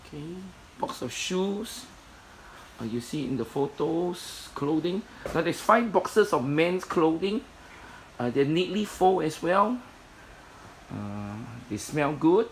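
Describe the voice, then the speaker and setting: Man, matter-of-fact seller, fry in the voice, faint background noise. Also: a little high, very animated, takes it slowly, poor audio. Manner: plain, matter-of-fact listing with many fillers. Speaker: storage unit seller. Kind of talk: walkthrough commentary. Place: indoor storage unit. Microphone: phone camera held in hand.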